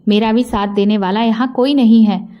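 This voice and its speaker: A woman's voice: fairly high pitch, steady tone, moderate pace, muffled recording, lightly acted. A woman voicing a young rich man who urges and pleads, read in her own narrating voice. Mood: insistent. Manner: urgent, pleading.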